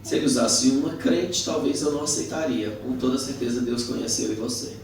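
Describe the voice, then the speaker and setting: A man with a Brazilian accent, a pastor giving his testimony as an animated storyteller who acts out voices with loud bursts. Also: medium pitch, a little fast, a little hiss or hum. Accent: Brazilian Portuguese. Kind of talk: testimony sermon. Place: church hall. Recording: very echoey church hall, mic at a distance.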